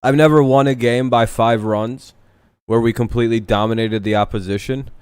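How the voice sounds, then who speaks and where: A man's voice: medium pitch, steady tone, moderate pace, darkish tone, clear, resonant tone, no room sound. A man hosting a live stream, ranting in casual chat with lots of swearing and "dude.". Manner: profane, ranting, says "dude" constantly. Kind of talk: casual watch-along chat.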